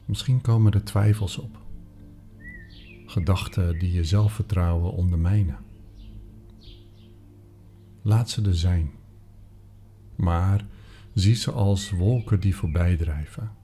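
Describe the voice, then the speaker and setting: Male meditation guide, very dark mellow tone, slow soft delivery, faint music behind. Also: low voice. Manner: slow, soft-spoken, soothing, with whispered phrases.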